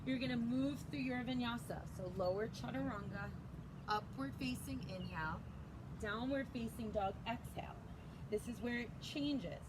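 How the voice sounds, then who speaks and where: A woman's voice: a little high, normal speed, noisy background. A woman teaching a yoga flow outdoors, cueing breaths and poses in a chatty, casual way. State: slightly out of breath. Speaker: yoga instructor.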